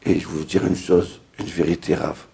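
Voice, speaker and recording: A man voicing a troubled young male addict who quietly confesses to a rabbi. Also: low-pitched, flat delivery, moderate pace, vocal fry, pitched below the performer's own voice. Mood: confiding.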